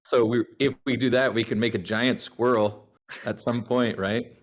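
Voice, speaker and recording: A man's voice: mid-range voice, level tone, moderate pace, gravelly. A man playing in a tabletop game, casually thinking aloud about plans with the group. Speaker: player.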